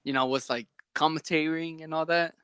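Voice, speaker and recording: A man's voice: a little high, steady tone, moderate pace, fairly bright tone, smooth, dry recording. A young man hosting a podcast over a video call, chatting casually and rambling animatedly with lots of "like" fillers. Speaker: podcast host. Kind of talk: casual chat.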